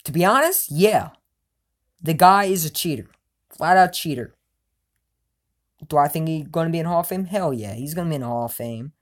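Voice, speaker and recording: A woman giving an opinionated sports fan rant in a casual vlog, answering viewer questions. She talks emphatically, often asks "you know what I'm saying", and swings between loud outbursts and low mutters. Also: expressive, moderate pace, pauses often.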